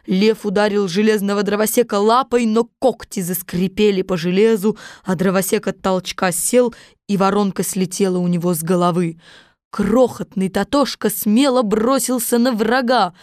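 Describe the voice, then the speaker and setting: A woman narrating a children's story in a measured, unhurried reading. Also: mid-range voice, darkish tone, dry recording, studio quality.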